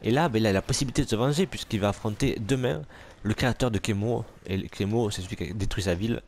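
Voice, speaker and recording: A gamer does let's play commentary on a superhero video game, joking, swearing and talking back at on-screen enemies. His lowish, darkish voice moves fast, with a little hiss or hum in the recording.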